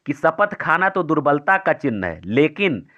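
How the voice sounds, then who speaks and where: A man teaching a Hindi poetry lesson for exam students, explaining step by step and asking and answering his own questions, and reciting verse slowly. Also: fairly high pitch, big pitch swings, fairly bright tone, dull audio.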